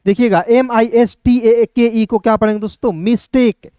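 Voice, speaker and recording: Man, teacher, online lesson, slow spelling, question-and-answer drilling, friendly direct address, dry room. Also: very high-pitched, fairly even intonation, dark tone, clean tone, dry recording. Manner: spells out letters slowly, asks then answers his own questions; keeps addressing viewers as friends. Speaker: English teacher.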